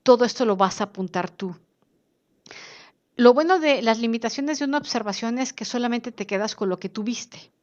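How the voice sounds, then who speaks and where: A woman, teaching an online class in a lively way and acting out the people she quotes. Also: on the high side, moderate pace. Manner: lively, acts out quoted speakers in changed voices. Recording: dull lo-fi sound.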